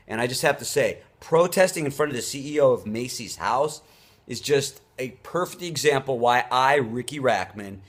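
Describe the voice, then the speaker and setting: A man's voice: mid-range voice, a bit bright. A man who hosts a show, delivering an off-the-cuff opinion rant in an emphatic, indignant way, leaning hard on key words. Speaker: show host.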